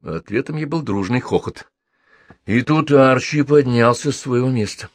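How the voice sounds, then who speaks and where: A man's voice: medium pitch, moderate pace, dry recording. A man reading a novel aloud as narrator, wry and ironic. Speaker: audiobook narrator. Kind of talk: literary audiobook reading.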